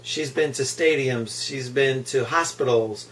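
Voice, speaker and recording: Seated on the floor of a room at home, a middle-aged man who raises guide dog puppies talks casually and reflectively to a camera, repeating words for emphasis. His medium-pitched voice is a little slow. The camera mic sits a few feet away, picking up hum, crowd noise, and other background sound.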